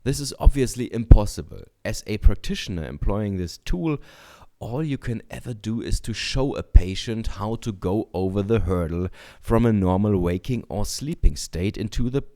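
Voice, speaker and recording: A man reading a book aloud in a deliberate, measured way, adding short comments as a teacher. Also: lowish voice, lively intonation, mellow. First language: German.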